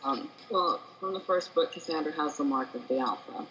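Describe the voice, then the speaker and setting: A woman's voice: deep voice, normal speed, fairly bright tone, slight background noise, rough recording. A woman author, a guest on a podcast, chatting casually from home and laughing as she rambles through her explanations. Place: home room with cats and girlfriend.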